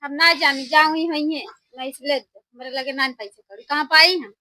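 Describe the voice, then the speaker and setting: A woman's voice: high voice, fairly even intonation, moderate pace, sharp tone, no echo. A woman playing a drunkard's fed-up village wife in a comedy sketch, complaining with an Awadhi accent. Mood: dismissive. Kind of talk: rural comedy sketch acting.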